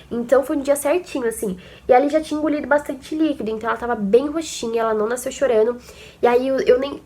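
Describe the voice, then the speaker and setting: A woman's voice: fairly high pitch, fairly bright tone. A young woman with a Brazilian accent tells a personal story to her viewers in a chatty, emotional way, often calling out to them. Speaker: vlogger. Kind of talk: casual personal storytelling to camera.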